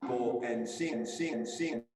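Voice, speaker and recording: A man talking haltingly on a call whose connection breaks up with feedback. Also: medium pitch, darkish tone, distant mic. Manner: halting, repeats words. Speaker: caller on a video call. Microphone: remote call mic. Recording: very echoey, reverberant call with faint noise.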